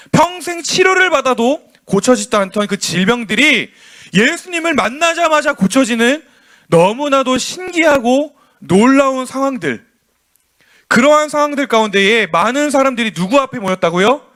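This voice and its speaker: A man preaching a sermon to children, telling the story in an animated way and asking the kids questions. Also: extremely high pitch. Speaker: children's pastor.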